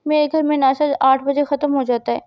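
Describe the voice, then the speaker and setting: A woman's voice: high-pitched, steady tone, no echo, highs cut off, lightly acted. A woman reading the part of a stern, cold male boss who speaks in curt commands.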